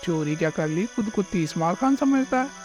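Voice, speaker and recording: A man voicing a scheming, hot-tempered male thief bird who is a father, in a gruff, threatening manner. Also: high voice, expressive, moderate pace, darkish tone. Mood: gruff scolding. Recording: faint music behind the voice.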